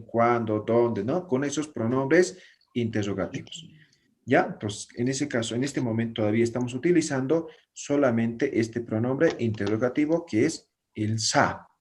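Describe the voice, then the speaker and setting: A man's voice: medium pitch, a little mellow. A man teaching a language class online, explaining patiently and often checking that his students follow.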